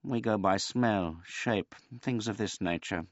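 A man's voice: fairly low pitch, dry recording, highs cut off, voice pushed up, close to an everyday voice. Man voicing a weary old tomcat. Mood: dry. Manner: dry, unhurried, noncommittal.

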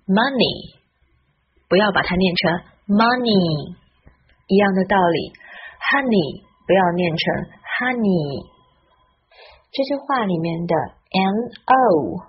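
A woman teaches English pronunciation in a slow, deliberate voice with a slightly husky edge. She spells words out letter by letter and enunciates each sound with care. The recording sounds somewhat dull and lo-fi. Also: medium pitch. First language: Chinese. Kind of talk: scripted lesson narration.

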